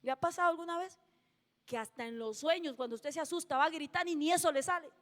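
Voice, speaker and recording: A woman preaches an emphatic sermon in a very high voice, hammering her key phrases and putting questions to the congregation. Her words trail off into a long church-hall reverb. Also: fast talker, a bit bright.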